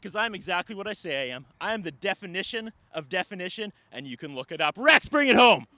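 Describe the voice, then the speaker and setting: A man's voice: sits high, sing-song, fast, pushed and bright, no room sound. A man delivering a wrestling promo, emphatic and indignant, punching out rhetorical questions.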